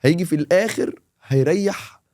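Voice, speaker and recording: A man with an Egyptian Arabic accent, a teacher talking in a casual podcast and explaining with quick, animated examples. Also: on the high side. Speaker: English teacher, podcast guest.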